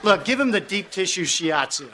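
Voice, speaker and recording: A man's voice: sits high, lively intonation, moderate pace. A middle-aged man acting in a sitcom as an upbeat dad, chummy, coaxing and a little smug. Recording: noisy sitcom soundtrack.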